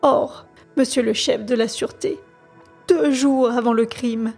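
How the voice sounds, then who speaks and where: A woman's voice: a little high, fairly even intonation, creaky, a little mellow, slightly rough, soft background music, exaggerated voice. Woman reading as a grave elderly professor. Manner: formal, measured, dignified. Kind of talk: audiobook reading.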